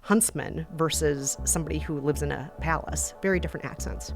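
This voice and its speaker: A woman's voice: low voice, a little fast, vocal fry, soft background music. A woman co-hosting a podcast, chatting in a wry, explanatory way. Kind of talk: casual podcast chat.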